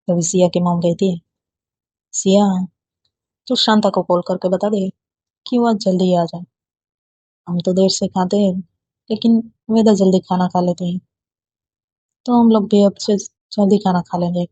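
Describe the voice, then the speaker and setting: A woman's voice: medium pitch, warm tone, husky, no room sound. A woman reading a love story aloud, voicing every character in her own plain voice. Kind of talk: narrated love story, reading all parts. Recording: dull lo-fi dry recording.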